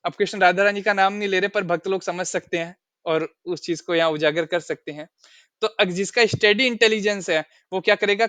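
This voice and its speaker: High, smooth-voiced man teaching scripture. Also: fairly bright tone, dry recording. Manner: explains verses and asks listeners questions. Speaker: spiritual teacher. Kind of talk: scripture class.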